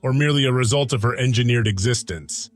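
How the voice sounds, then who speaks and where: In an audiodrama, a man plays a brooding, lovestruck ancient alien god, narrating in the first person over music. His natural, medium-pitched voice is solemn and formal, with measured phrases and weighty pauses.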